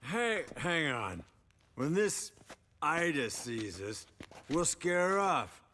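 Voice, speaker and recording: A gravelly hungover witcher from a game, grumbly and slow, pitch jumps around. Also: very animated, pushed and bright, slight background noise, exaggerated voice. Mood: grumbling. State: drunk and queasy. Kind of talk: video game character dialogue.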